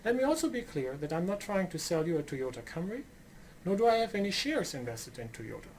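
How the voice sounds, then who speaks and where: A man's voice: sits high, sing-song, brisk, a little mellow, a little hiss or hum. A man with a non-native English accent gives a prepared lecture as a course instructor, explaining things with emphasis. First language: not English.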